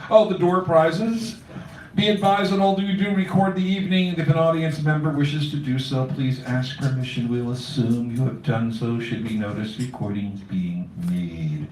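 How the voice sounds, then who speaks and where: A man's voice: medium pitch, steady tone, normal speed, darkish tone, far from the mic, a little hiss or hum. A man hosting a poetry open mic in a cafe, rambling through announcements with wry asides. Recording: echoey cafe room recorded from afar.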